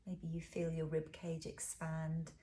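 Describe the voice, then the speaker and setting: In a low, completely flat voice, a woman leads a soothing body scan, taking her time and fading out phrases with a breathy softness. There's a little hiss or hum in the background.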